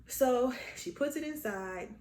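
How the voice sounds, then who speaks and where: A young adult woman telling a personal story in a casual vlog, lively and acting out the quotes. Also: a little slow. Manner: animated, acts out quotes with big pitch jumps. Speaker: vlogger. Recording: echoey room with faint noise.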